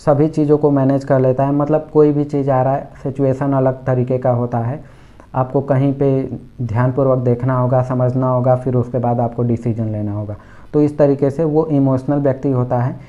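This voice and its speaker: Dark-voiced man teaching exam answers. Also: mid-range voice. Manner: reads English questions slowly, then explains in Hindi. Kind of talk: exam question walkthrough. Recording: dull lo-fi recording.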